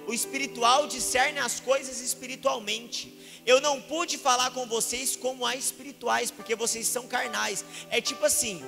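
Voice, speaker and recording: High-voiced Mineiro preacher in a church hall. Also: male voice, vocal fry. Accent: Mineiro Brazilian Portuguese. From Minas Gerais, Brazil. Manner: animated preaching with rhetorical questions and acted-out dialogue. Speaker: pastor. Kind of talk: sermon. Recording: reverberant church hall with music behind.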